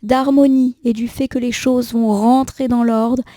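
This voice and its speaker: A woman with a cold gives a gentle, reassuring daily tarot reading, thinking aloud with small fillers. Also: on the high side, little pitch movement, a little slow, no room sound. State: has a cold. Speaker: tarot card reader.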